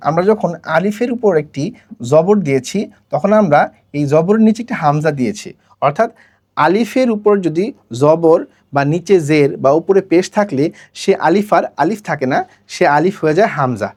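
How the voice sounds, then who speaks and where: A Quran recitation teacher giving a pronunciation lesson, drilling syllables slowly and asking students to repeat after each one. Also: mid-range voice, animated, darkish tone.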